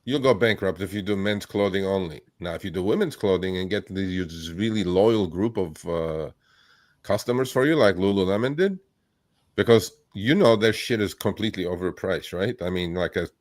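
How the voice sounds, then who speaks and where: A man born in Turkey, hosting a live chat, talking bluntly and with profanity, telling animated stories. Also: low voice, moderate pace, dry recording, studio quality. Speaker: host. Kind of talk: casual livestream chat.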